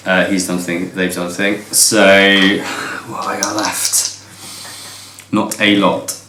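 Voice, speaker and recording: A man's voice: deep voice, flat delivery, slow. A man casually talking through his moves in a board game, chatty and often laughing. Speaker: board game reviewer playing a match. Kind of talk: casual tabletop play commentary. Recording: roomy room with faint noise.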